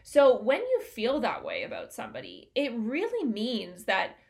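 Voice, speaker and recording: A woman's voice: fairly high pitch, huge pitch swings, moderate pace, vocal fry, darkish tone. A woman hosting a solo business-coaching podcast, talking in an upbeat, conversational way with plenty of fillers.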